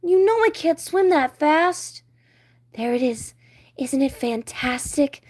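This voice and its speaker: Ariel, a curious teenage mermaid, speaks high and bright with a lot of lift in her voice, as a woman puts her on in a cartoon retelling. She sounds bold and eager for adventure. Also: animated, takes it slowly.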